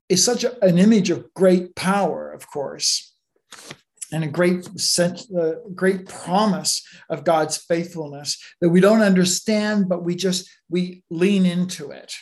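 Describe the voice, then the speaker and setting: Bible teacher, conversational sermon, relaxed, anecdotal, mid-pitched voice. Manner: relaxed, anecdotal, with many asides.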